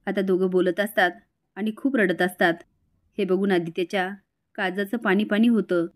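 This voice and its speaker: A woman narrating a recap of a TV serial episode in a brisk, dramatic storytelling style. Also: medium pitch, steady tone.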